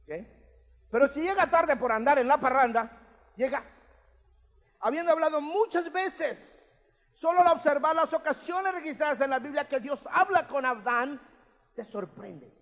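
A man's voice: very high-pitched, normal speed, long pauses, a bit bright. A man, preaching a sermon as pastor in a conversational way, often checking in with his listeners. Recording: long hall reverb.

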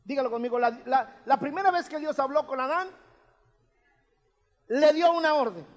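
A man's voice: extremely high pitch, moderate pace. A man, preaching a sermon as pastor in a conversational way, often checking in with his listeners. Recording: long hall reverb.

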